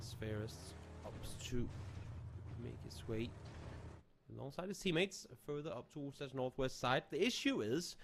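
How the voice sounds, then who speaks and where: A man calling live esports play-by-play in a steady way, lifting his energy when action breaks out. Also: mid-range voice, unhurried, noisy background. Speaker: esports caster.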